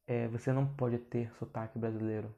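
A man's voice: mid-range voice, level tone, brisk, creaky, mellow. A Brazilian man with a Brazilian accent, hosting a podcast and giving a chatty, informal English pronunciation lesson with many restarts. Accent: Brazilian Portuguese. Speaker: podcast host and English teacher.

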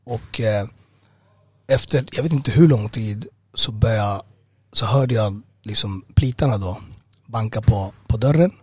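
Husky-voiced man telling his testimony. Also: on the low side, darkish tone, dry recording. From Sweden. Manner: hesitant, many fillers and restarts. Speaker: interview guest. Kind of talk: personal testimony in an interview.

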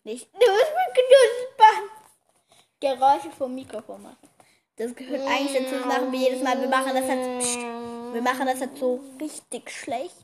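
A woman's voice: high-pitched, level tone, a little fast, a crowd in the background. A girl of about ten or eleven hosting a casual podcast with her younger sister, chatty and a bit bossy. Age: child, about 10 to 11. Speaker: podcast host. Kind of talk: casual kids' podcast chat.

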